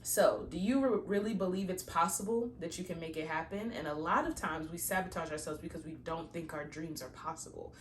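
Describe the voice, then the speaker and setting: A woman's voice: on the low side, brisk, few pauses, slight background noise. A woman reading tarot cards and giving a casual, preachy pep talk, encouraging listeners to plan and believe in their dreams. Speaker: tarot reader.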